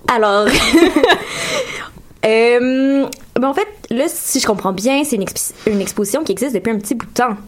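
A woman's voice: on the high side, sing-song, a little slow. A woman hosts a casual radio chat. She keeps a playful tone, introducing topics and throwing in dry sarcastic asides between questions. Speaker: radio show host.

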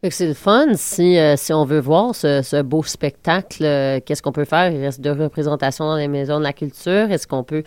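Female radio interviewer, very low smooth voice, Quebec French accent, informal questioning style. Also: normal speed, hardly any pauses, a little mellow, dry recording. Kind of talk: casual interview. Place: radio studio.

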